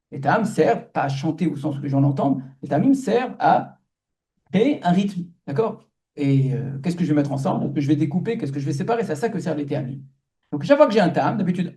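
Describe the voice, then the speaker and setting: A man's voice: a little high, dark tone. A man, a rabbi lecturing an audience, explaining step by step with many hesitations, restarts and rhetorical questions.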